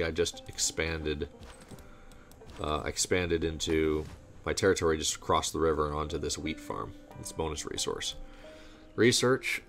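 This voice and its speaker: A low, gravelly-voiced man talks his way through a strategy game, rambling and thinking aloud with the odd sarcastic aside. He is on a home desk mic without a pop filter, and soft game music plays faintly behind him. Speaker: gameplay commentator. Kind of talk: casual let's-play commentary.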